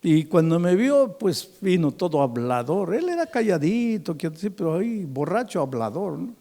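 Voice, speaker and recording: A pastor from Peru tells a story in a sermon, animated and vivid as he brings its people to life. His slightly high voice has a gravelly rasp. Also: normal speed.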